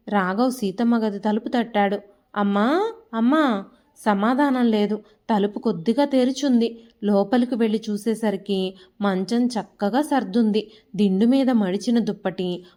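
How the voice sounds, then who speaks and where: A woman storyteller giving calm, measured narration of an emotional family story. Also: mid-range voice.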